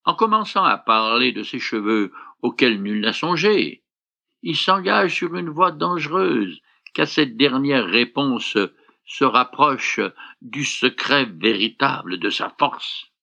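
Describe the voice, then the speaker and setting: A man reading a Bible passage aloud and stopping to explain it in a measured, explanatory way. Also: mid-range voice, animated, vocal fry, pushed and bright, lo-fi sound. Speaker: Bible reader and commentator. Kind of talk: reading scripture with commentary.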